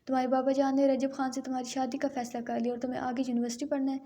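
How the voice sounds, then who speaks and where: A woman voicing an anxious, gentle mother who speaks softly and pleadingly. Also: sits high, flat delivery, lightly acted. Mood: worried. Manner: soft, pleading and worried.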